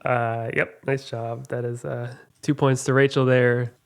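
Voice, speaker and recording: A man hosts a relaxed trivia podcast and reads each question aloud. He talks in a chatty, halting way, with frequent fillers, and laughs easily at his own slips. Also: mid-range voice, vocal fry, clear, resonant tone. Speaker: trivia quiz host. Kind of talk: casual podcast quiz.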